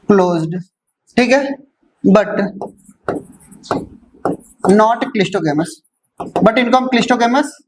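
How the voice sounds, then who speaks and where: Coaching class teacher, asks "clear?" all the time, repeats stuff slow, mid-pitched voice. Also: poor audio. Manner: keeps asking "clear?" and answering own questions; repeats key points slowly. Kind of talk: classroom lecture mixing Hindi and English terms.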